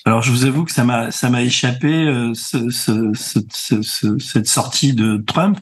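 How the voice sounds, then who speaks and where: Brief: male interviewer, mid-pitched, relaxed and conversational. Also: unhurried, husky.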